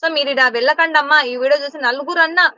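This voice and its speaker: A woman's voice: sits high, quick pace, bright, forceful tone, no room sound, muffled recording. A woman giving blunt, indignant answers in an interview. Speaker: interview guest.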